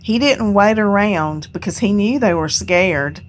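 A woman hosting a home Bible study, reading scripture aloud and musing on it in a folksy, unhurried way. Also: medium pitch, a little hiss or hum. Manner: folksy, unhurried, reads scripture aloud then muses on it with "you know". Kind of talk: casual Bible reading and reflection.

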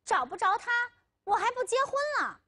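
A woman's voice: high voice, big pitch swings, moderate pace, fairly bright tone. A woman lecturer voicing a scheming, self-serving young village man in a told story. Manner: boastful and pleading by turns.

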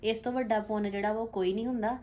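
A woman's voice: medium pitch, steady tone, racing, mellow. A woman co-hosting a vlog, chatting casually and advising viewers, often checking for agreement with small tag questions. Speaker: vlog co-host. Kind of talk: casual chat, giving advice to viewers.

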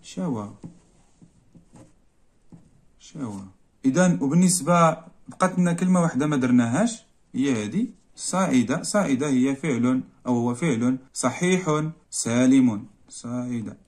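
A man with a Moroccan Arabic accent, a primary school teacher going through a worksheet and repeating each word slowly, drawn out for the pupils. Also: mid-range voice, lively intonation, darkish tone. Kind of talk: explaining a worksheet lesson.

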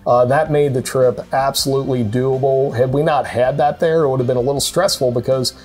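A middle-aged man seated in a studio, telling a road trip story in relaxed, measured casual talk. His pitch sits mid-range, and faint music runs underneath. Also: breathy edge. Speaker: co-host. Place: indoor studio with a car.

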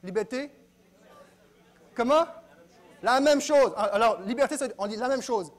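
A man preaching a sermon in a church, dropping to quiet asides and then rising to loud exclaims. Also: very high voice, moderate pace, some chatter behind. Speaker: pastor.

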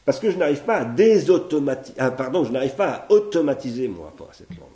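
Fast and sing-song, his medium-pitched voice carrying a dark tone, a French man in his sixties reasons aloud tentatively in a philosophy seminar at home, partly from notes, often restarting and repeating words. He's recorded in his echoey living room by a fixed camera at medium distance.

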